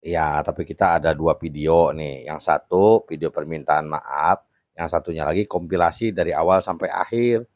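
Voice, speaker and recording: A man's voice: very deep voice, normal speed, darkish tone, no echo, clean studio sound. A man co-hosting a casual chat, answering with short agreeing replies and questions. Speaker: co-host.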